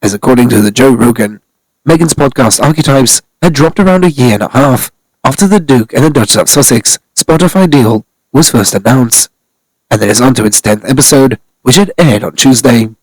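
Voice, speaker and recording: A man's voice: medium pitch, brisk, breathy edge, dry recording, poor audio. A man narrating a scripted celebrity news commentary, reading steadily from articles.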